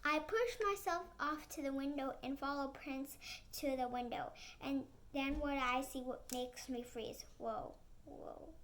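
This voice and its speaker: A woman reading a chapter book aloud, with small slips and acted sound effects. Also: high-pitched. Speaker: storybook reader.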